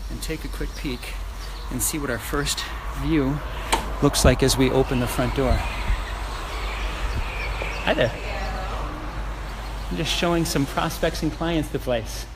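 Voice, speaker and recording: A man's voice: mid-range voice, slow pace, long pauses. A man working as a real estate agent, chatting casually and with enthusiasm to live viewers as he walks through a house tour. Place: walking through a large house and its outdoor areas. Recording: noisy live phone video, ambient traffic noise.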